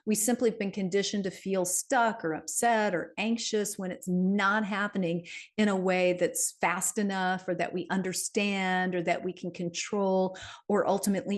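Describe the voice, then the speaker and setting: Chatty woman numerologist. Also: medium pitch. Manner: chatty, frequent "right?" and fillers, light laughs. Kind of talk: casual monthly forecast talk.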